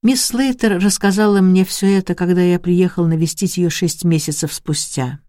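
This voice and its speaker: A reader narrates a story in a measured, mournful manner. The tone is mellow and warm, with a mid-range pitch. The sound is dry and close to the mic. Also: fairly even intonation, no echo. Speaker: audiobook reader. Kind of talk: scripted narration.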